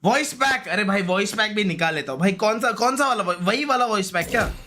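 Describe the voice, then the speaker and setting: A man's sharp-toned, high-pitched voice moves fairly quickly and expressively over slight background noise. Chatting with viewers while he games on stream, he speaks with an Indian accent, leaning on slang and repetition, with frequent exclamations and grumbles.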